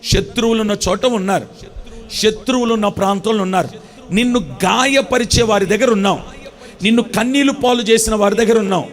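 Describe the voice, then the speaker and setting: High-voiced fervent preacher man. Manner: fervent, repeats phrases and calls for amen. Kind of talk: sermon.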